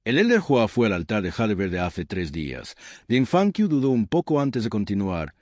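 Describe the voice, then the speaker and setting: A man narrating a scripted story recap in a measured, dramatic storytelling manner. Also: on the low side, big pitch swings, a little mellow, no room sound, clean studio sound.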